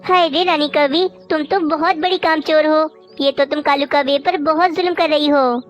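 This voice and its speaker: A woman voices a nosy neighbour bird in a cartoon who teases and meddles. Her voice is high, with soft music behind. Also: steady tone, normal speed, lo-fi sound, natural voice. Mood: teasing. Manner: teasing, meddling.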